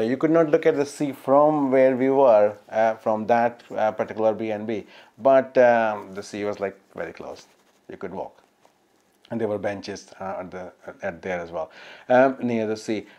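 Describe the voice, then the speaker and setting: A man talking casually to camera in a travel vlog, hesitant and pausing often. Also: medium pitch, mellow, muffled recording. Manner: hesitant, with many fillers and restarts. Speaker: travel vlogger.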